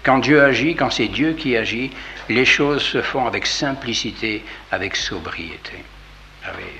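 Man, sermon, conversational, repetitive phrasing, hushed asides, faint background noise. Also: mid-range voice, unhurried. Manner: conversational, repeats phrases, drops to near-whispers for emphasis. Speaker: priest. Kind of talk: informal sermon.

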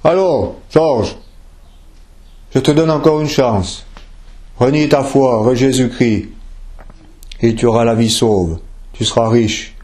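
A man's voice: medium pitch, slow pace, pauses often, darkish tone, natural voice. A man voicing a proud, cruel pagan emperor who gives commands and mocks his prisoner, over background music. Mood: menacing. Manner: commanding, mocking, gloating. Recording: music playing behind.

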